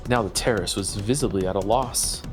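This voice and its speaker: Male streamer, lowish voice, dramatic game narration with casual asides, music behind. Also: fairly quick. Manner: expressive storytelling with stumbles over words. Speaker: streamer reading game text aloud.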